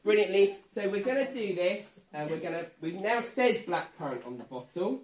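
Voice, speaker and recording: A woman's voice: mid-range voice, expressive, normal speed, darkish tone, rough recording. A woman leading an interactive children's talk at church, with playful patter like a kids party magician and chatty asides. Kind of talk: interactive family sermon with magic-trick demonstration.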